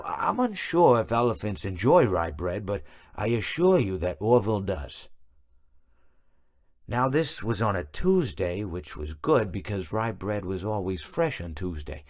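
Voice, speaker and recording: Rambling, swooping animatronic storyteller. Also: male voice, fairly low pitch. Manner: halting, meandering, self-correcting, digressive. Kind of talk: theatrical video game character monologue.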